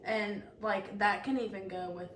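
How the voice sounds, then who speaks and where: A woman's voice: mid-range voice, fairly even intonation, unhurried, distant mic. A young woman co-hosting a casual podcast chat, easygoing and chatty, who laughs often and leans on "like" fillers. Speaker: podcast co-host. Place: room with door open to rain. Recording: roomy echo, faint background noise.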